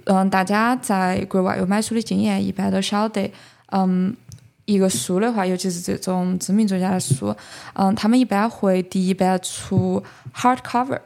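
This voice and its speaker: A woman's voice: mid-range voice, fairly even intonation, moderate pace, creaky, darkish tone. A woman with a Sichuanese accent hosting a podcast in a casual, explanatory way, talking about books and dropping in English words. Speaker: podcast host. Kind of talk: casual book talk.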